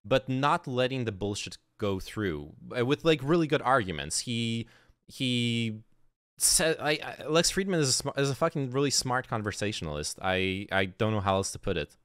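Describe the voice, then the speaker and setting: A man's voice: medium pitch, animated, normal speed, a bit bright, clear, resonant tone, no room sound, clean studio sound. Sarcastic, exasperated man giving commentary. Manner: sarcastic, exasperated, swears often. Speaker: commentary streamer reacting to a podcast clip. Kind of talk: reaction commentary.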